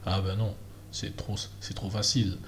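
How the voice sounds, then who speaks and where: Low-ish guy ranting casually, lots of euh and restarts, bit of hiss behind. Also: moderate pace. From French Guiana. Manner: animated, emphatic, with many fillers and restarts. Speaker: vlogger. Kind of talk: casual opinion monologue.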